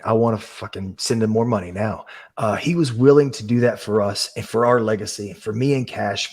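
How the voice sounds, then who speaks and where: A man in his thirties, a guest on a podcast, telling a story in an earnest, emotional way and swearing freely. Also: fairly low pitch. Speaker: professional wrestler, guest.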